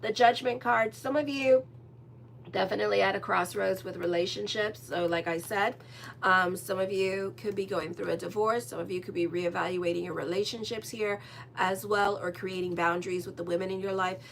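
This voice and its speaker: This woman, an astrologer, chats her way through a casual tarot horoscope reading, rambling and using lots of fillers while staying direct and frank with her audience. Her mid-range voice is steady with vocal fry at normal speed, and there's slight background noise.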